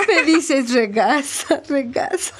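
A woman's voice: on the high side, expressive, measured pace, slight background noise. A woman playing a tender, emotional young mother in a radio drama, speaking hesitantly. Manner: tender, hesitant, repeating words. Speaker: mother character.

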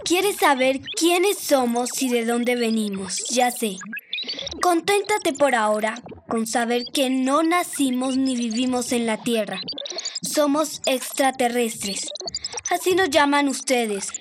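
A woman's voice: fairly high pitch, lively intonation, slow. A woman voicing a knowing female alien guide who explains patiently and with assurance in a radio drama. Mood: patient, assured. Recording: noisy recording.

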